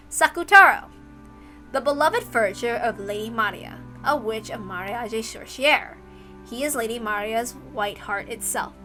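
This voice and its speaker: A woman with a slightly high voice, pushed and bright in tone, reads a visual novel aloud on a stream. Music plays underneath while she reads informally and tosses in casual comments between sections.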